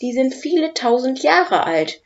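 A woman's voice: sits high, very animated, measured pace, dull audio, voice pushed up, heavily acted. A woman voicing an eager young boy dragon who likes to protest, in a storybook reading.

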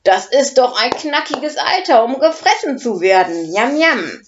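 A woman voicing a big, hungry, grumpy male dragon who booms and smacks his lips, in a storybook reading. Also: animated, unhurried, muffled recording. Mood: gruff, booming.

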